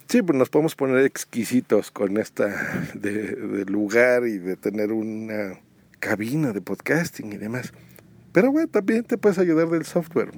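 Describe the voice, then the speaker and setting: A gravelly, mellow-toned man with a Mexican accent hosts a podcast in a casual, playful way. He speaks straight to his listeners and records on his phone in a dry-sounding office. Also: mid-range voice, dry recording. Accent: Mexican Spanish. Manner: playful and chatty, addresses listeners directly. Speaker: podcast host.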